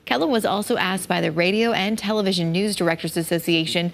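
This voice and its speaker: A woman's voice: lowish voice, quick pace, vocal fry. An American woman reading scripted news as a television anchor.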